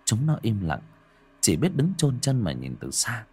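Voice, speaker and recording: Man, horror story narration, husky, low voice, lively, dramatic. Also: unhurried.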